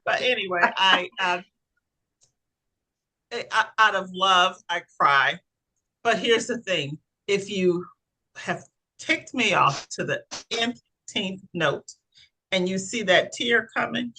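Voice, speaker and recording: A woman's voice: medium pitch, takes it slowly, long pauses, slight background noise, poor audio. A woman co-hosting a podcast and working as a coach, chatting expressively and laughing as she talks. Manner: expressive, laughs while talking. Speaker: podcast co-host, life coach. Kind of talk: casual chat.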